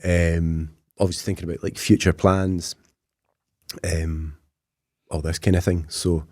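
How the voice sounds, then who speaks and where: A man's voice: low-pitched, level tone, measured pace, darkish tone, dry recording, studio quality. A Scottish man in his thirties, a podcast guest talking casually and self-deprecatingly with lots of fillers. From Scotland.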